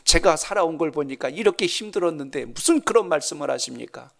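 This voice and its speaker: A man's voice: a little high, lively intonation, quick pace, vocal fry, fairly bright tone. A man playing a grieving young man who cries out plaintively to God in a sermon story. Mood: pleading. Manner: pleading, plaintive.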